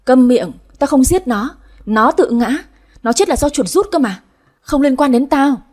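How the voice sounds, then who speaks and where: A shrill, spiteful young wife in a family drama storybook, as a woman narrator puts her on. She shrieks and accuses in a frantic rush, her voice high and breathy. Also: animated, unhurried, a little mellow.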